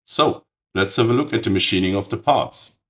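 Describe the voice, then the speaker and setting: A man with a raspy, hoarse voice from a cold, giving a precise, matter-of-fact technical narration as channel host. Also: fairly low pitch, normal speed, fairly bright tone. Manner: precise, matter-of-fact, blunt verdicts on tools.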